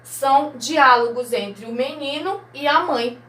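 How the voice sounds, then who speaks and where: A Brazilian woman teacher explaining a lesson to young children, slow and patient, step by step. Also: high-pitched, sharp tone, roomy sound. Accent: Brazilian Portuguese. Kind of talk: recorded remote lesson for children.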